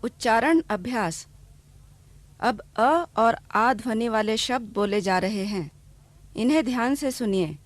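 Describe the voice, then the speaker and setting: A woman teaching pronunciation in a careful drill, saying each word twice with crisp, deliberate enunciation. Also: fairly high pitch, no room sound.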